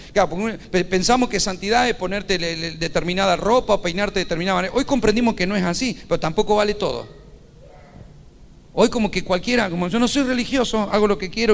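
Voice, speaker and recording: Male pastor, high voice, emphatic repetitive preaching, church hall reverb. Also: gravelly. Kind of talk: sermon.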